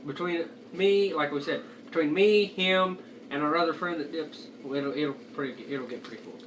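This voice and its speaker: A man's voice: fairly high pitch, normal speed, fairly bright tone. A young man giving a casual review as he chats, talking with a lip full of dip. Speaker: amateur product reviewer. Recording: noisy, distant home video microphone.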